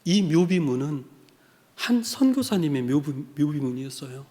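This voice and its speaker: A middle-aged man from South Korea preaching a sermon as a missionary, moving from quiet personal storytelling to fervent exhortation. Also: fairly high pitch, very animated, normal speed. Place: church sanctuary. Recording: church hall with long reverb.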